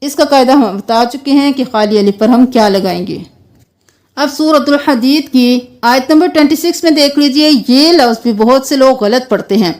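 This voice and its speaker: A woman teaching Quran recitation, explaining the rules briskly and then chanting the verses slowly, spelling words out syllable by syllable. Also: sits high, darkish tone. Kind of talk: tajweed lesson with slow chanted recitation.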